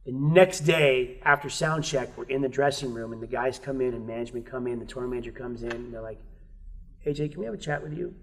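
On a podcast, a guest musician recounts his past frankly in a mid-range voice at a fairly quick clip. The casual chat is full of free swearing, and he performs the voices of people he quotes.

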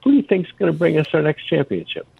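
A man's voice: fairly high pitch, wildly swooping pitch, quick pace, creaky, breathy edge. A man from the United States chatting casually as a caller to a radio call-in show over the phone. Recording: tinny, dry phone line.

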